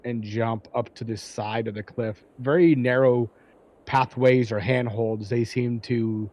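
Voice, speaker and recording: Halting man narrating as game master. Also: mid-range voice, fairly even intonation, a little mellow. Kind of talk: improvised tabletop game narration.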